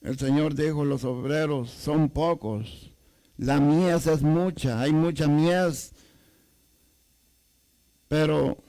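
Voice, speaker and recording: A man's voice: a little high, takes it slowly, pauses often, warm tone, low-quality recording. A man preaching a sermon to a congregation with a Salvadoran Spanish accent, asking many rhetorical questions. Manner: rhetorical questions to the congregation, repeats "amados hermanos".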